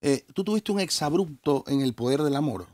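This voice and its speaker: Male podcast host, slightly raised pitch, playful questions, dry sound. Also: lively intonation, fairly quick, mellow, dry recording. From Ecuador. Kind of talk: casual interview chat.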